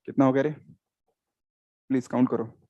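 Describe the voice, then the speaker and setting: A man's voice: medium pitch, little pitch movement, normal speed, no room sound, lo-fi sound. Indian male biology teacher, dry sound. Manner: questioning students, repeating terms, mixing in English. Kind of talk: live classroom lecture.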